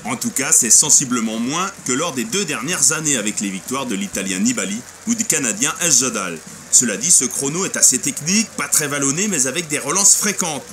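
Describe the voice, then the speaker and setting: A man's voice: medium pitch, brisk, bright, forceful tone, recorded from a distance, a little hiss or hum, lightly acted. A man giving scripted, analytical race commentary as a co-commentator in a cycling game.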